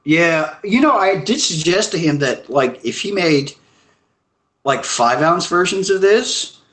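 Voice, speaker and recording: A man's voice: on the high side, animated, measured pace, a bit bright, reverberant. A man hosting a casual live stream from home, joking and rambling as he shows things to his viewers. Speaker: host.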